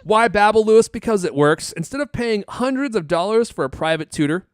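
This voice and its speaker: A podcast host with a high-pitched, clean, animated voice speaks fairly quickly, chatting casually and reading ads in a jokey, teasing manner with theatrical emphasis. The recording has clean studio sound with no room sound.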